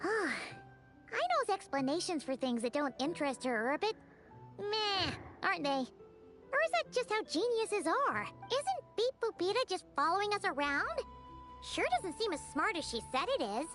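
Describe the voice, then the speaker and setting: Cartoonish tiny companion girl, high and animated, blunt and whiny. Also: moderate pace, faint music behind, full character voice. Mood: grumbling. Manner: bubbly, complaining.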